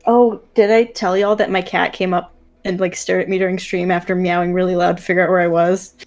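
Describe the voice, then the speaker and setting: A woman's voice: lowish voice, flat delivery, fairly quick, darkish tone, faint music behind. A woman chatting casually on a live stream, talkative and laughing often. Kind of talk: casual chat.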